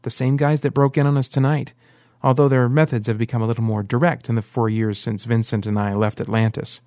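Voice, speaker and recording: A man voicing Rand, a calm mentor who explains secrets in measured, mysterious tones, in an audiobook. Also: medium pitch, no echo, close to an everyday voice. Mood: confiding.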